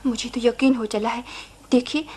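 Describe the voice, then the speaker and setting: A woman's voice: on the high side, little pitch movement, moderate pace, a little mellow, slightly rough. A woman playing a timid, easily frightened young wife in a radio drama. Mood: nervous. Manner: timid, nervous. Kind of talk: vintage radio drama acting.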